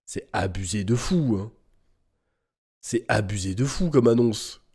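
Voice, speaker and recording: A man's voice: lowish voice, a little slow, husky. A man hosting a casual news reaction video, talking informally and ranting with indignant outbursts. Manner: animated, ranting, rising to indignant peaks; informal slang and swearing. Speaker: host.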